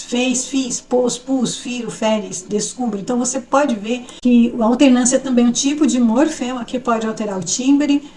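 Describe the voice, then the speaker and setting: A woman's voice: on the high side, dark tone, far from the mic. A woman teaching an online grammar lesson in a conversational, explanatory way, often checking in with the listener.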